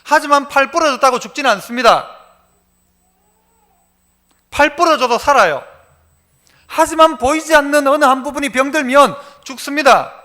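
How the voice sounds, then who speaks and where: Bright-voiced Gyeongsang-accented pastor preaching. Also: male voice, extremely high pitch. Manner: preaching with dialect asides and acted quotes, varying loudness. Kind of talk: sermon.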